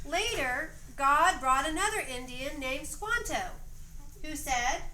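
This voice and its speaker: A woman whose voice sits high reads expressively and slowly, with a sharp tone, narrating a homemade family play. She prompts the others to repeat lines, coaching them with spontaneous directions. The amateur recording at home is roomy and noisy.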